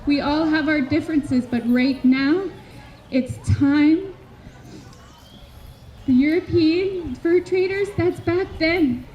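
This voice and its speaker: This is a high, mellow voice of a woman from Canada addressing a community memorial gathering, heartfelt and earnest, slow-paced with measured pauses between phrases. The audio is lo-fi and dull, carrying faint background noise.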